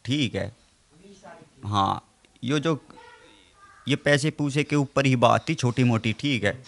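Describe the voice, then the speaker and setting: A man giving a halting account in a local news interview, repeating a filler between phrases. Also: medium pitch, vocal fry, fairly bright tone.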